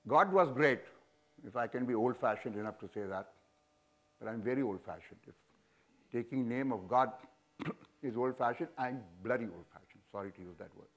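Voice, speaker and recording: A man's voice: medium pitch, moderate pace, pauses often. A man in his seventies with an Indian English accent, speaking frankly and animatedly as a guest in an on-stage interview, recorded on a lapel mic. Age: 70s. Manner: animated, frank, sweeping hand gestures, chuckling. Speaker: business leader guest. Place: auditorium stage.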